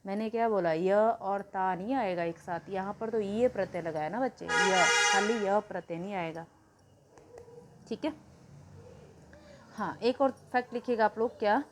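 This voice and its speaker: A woman teaching a grammar lesson to students, repeating key words slowly, asking questions and answering them herself, and telling the children to write things down. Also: mid-range voice, background noise. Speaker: Hindi teacher.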